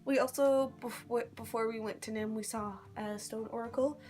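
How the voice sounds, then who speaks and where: High voiced girl vlogging, rambly slangy storytelling, phone held at arms length, music behind her. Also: steady tone, normal speed, a little mellow. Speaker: vlogger recounting a live-action role-play event. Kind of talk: casual chat. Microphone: phone at arm's length.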